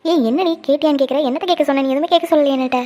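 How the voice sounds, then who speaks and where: Woman doing a cartoon girl hiding a crush, high voice, talks super fast. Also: fairly even intonation, mellow, close to an everyday voice. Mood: lively. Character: lovestruck young woman, anxious, hides her feelings. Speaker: cartoon character. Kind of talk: cartoon voice acting.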